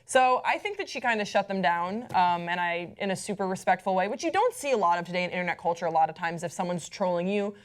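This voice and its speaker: A woman's voice: fairly low pitch, animated, quick pace, few pauses. A woman co-hosting a pop culture show, a stand-up comic who talks in an upbeat, chatty way and steers the talk with questions. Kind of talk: casual panel chat.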